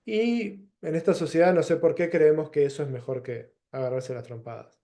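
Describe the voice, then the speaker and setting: A man with a Rioplatense Spanish accent giving a reflective lecture, pausing and restarting as he works through plain examples. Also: a little high, mellow. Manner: thoughtful, pauses and restarts, gives plain examples. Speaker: teacher.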